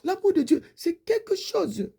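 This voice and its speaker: A woman's voice: very high voice, big pitch swings, a little slow, gravelly, mellow. A woman preacher giving a fervent exhortation and prayer, repeating her pleading prayer lines.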